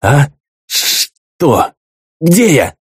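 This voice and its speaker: A man's voice: sing-song, extremely slow, breathy edge, no echo, studio quality, full character voice. A man voicing a terrified, crude male tattooist held captive, shrieking and swearing in an audiobook. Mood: confused. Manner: shrill shrieking, swearing, sobbing.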